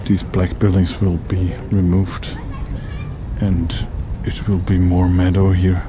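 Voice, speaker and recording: A city tour guide with a low, completely flat voice leads a walking tour through streets and squares, pointing out sights at a leisurely pace with frequent pauses. The outdoor recording picks up street ambience and passing traffic.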